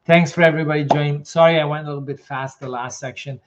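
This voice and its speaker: Fairly high in pitch and fairly even in intonation, a man answers viewer comments he reads aloud during a live immigration consulting session. His replies are fast and matter-of-fact as his voice wears out, and the recording is muffled.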